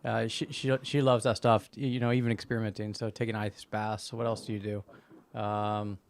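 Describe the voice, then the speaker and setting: A man from the United States, co-hosting a casual podcast with a relaxed manner. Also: fairly low pitch, moderate pace, a little hiss or hum. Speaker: podcast co-host. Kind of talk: casual chat.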